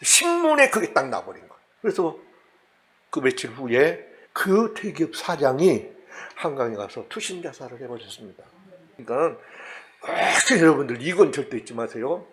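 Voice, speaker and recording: A male pastor with a Jeolla Korean accent preaching a Sunday sermon, animated and acting out scenes. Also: medium pitch, moderate pace. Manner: animated, acts out scenes with voices and laughs.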